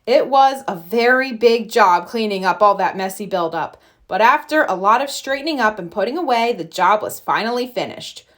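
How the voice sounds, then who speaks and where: A woman narrating a children's storybook aloud in an expressive read-aloud style. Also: medium pitch, moderate pace, hardly any pauses. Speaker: storybook reader.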